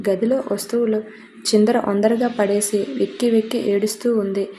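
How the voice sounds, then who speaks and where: A woman narrates an audio story in a steady reading. Her voice is dark and mellow, with a flat pitch. A faint noise sits under the voice.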